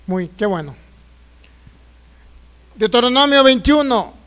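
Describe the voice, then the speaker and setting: A man's voice: extremely high pitch, expressive, slow, a bit bright, smooth. A middle-aged man with a Jalisco Mexican accent, preaching a sermon as pastor, jokey and folksy, firing rhetorical questions.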